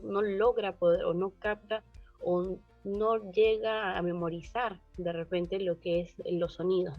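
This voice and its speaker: A woman giving a group class presentation, explaining steadily and often checking in with a quick question. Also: lowish voice. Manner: explanatory, frequent tag questions. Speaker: student presenter. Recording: dull, muffled recording with faint music.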